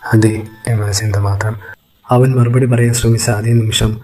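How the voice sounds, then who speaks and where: A man narrating a film recap in a steady, even storytelling manner. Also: mid-range voice, normal speed, soft background music.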